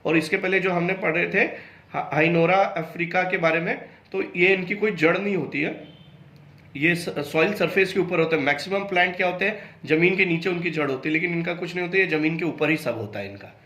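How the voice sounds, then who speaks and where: A male school teacher. He reads the textbook slowly and haltingly, then explains faster in his own words. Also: sits high, bright, forceful tone. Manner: slow halting reading, quicker explaining. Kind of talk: online class lesson. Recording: roomy echo.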